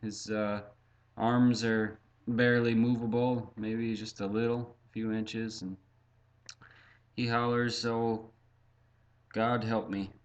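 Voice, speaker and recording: Man, deep-ish voice, reflective personal storyteller, lots of "uh" and restarts, muffled lo-fi sound. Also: flat delivery. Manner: halting and reflective, many fillers and restarts, tells his own story in third person. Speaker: storyteller recounting his own accident.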